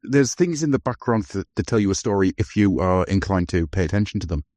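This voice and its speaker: A man's voice: deep voice, animated, quick pace, darkish tone, no echo. A man hosting a podcast, chatting casually and enthusiastically about a film as it plays. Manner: enthusiastic, talks over film scenes. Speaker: podcast host. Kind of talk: casual film commentary chat.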